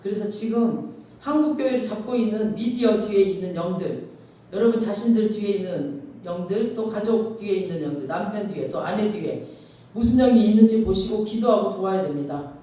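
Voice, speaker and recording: A woman pastor preaching a sermon in a church, telling a story lively and acting out the voices in it, with informal asides. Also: mid-range voice, a little fast. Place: church sanctuary. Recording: very echoey hall, far from mic.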